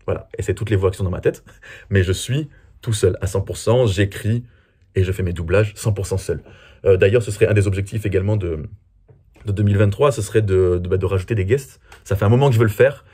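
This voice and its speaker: A man's voice: fairly low pitch, quick pace, dark tone, breathy edge. A man from France answering viewer questions in a casual, chatty and self-mocking way. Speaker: comedy video creator. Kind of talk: casual Q&A vlog.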